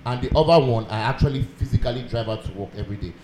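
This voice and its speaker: A man's voice: medium pitch, racing. A man with a Nigerian accent in a casual group chat, earnestly explaining his view with worked examples. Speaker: panelist. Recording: echoey room with background noise.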